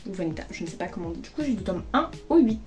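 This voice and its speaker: Woman, casual book haul chat, rambling, lots of fillers, overheated, mellow tone, phone recording, faint music behind. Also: mid-range voice, sing-song, very fast. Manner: chatty, rambling, many fillers. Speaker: book vlogger.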